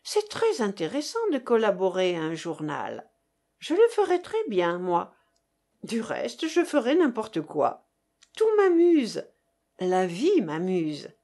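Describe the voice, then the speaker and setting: A woman voicing a spirited young woman student who speaks brightly and with enthusiasm. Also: fairly high pitch, full character voice.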